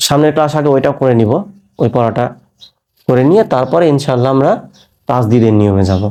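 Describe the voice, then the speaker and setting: A man with a mellow, warm voice teaches a reading lesson. He spells out each letter and sound slowly and patiently, and checks in with his learners as he goes. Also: medium pitch. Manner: asks learners rhetorical check questions. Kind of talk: recorded online lesson.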